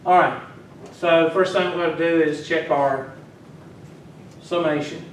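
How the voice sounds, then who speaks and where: A man's voice: a little high, fairly even intonation, unhurried. A man teaching a class and teasing his students as he works. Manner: teasing, talks to students while working. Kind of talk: classroom lecture. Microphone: far from the mic. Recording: echoey classroom from far off, faint noise.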